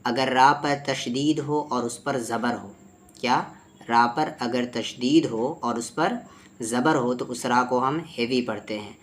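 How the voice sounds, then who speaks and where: A man teaching tajweed. He explains letter sounds and recites slowly, phrase by phrase, for his student to repeat. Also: mid-range voice. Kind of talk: tajweed lesson with repeat-after-me drills.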